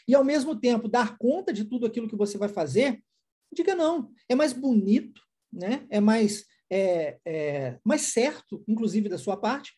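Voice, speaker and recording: A woman teaching an online language lesson. She explains patiently, drills pronunciation by repeating words slowly, and keeps checking in with the listener. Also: a little high, warm tone, husky. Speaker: English teacher.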